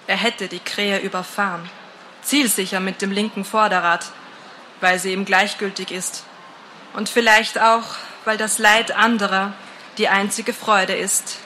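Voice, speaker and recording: A woman narrating a first-person story in a calm, measured, atmospheric reading. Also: medium pitch, a little hiss or hum, low-quality recording.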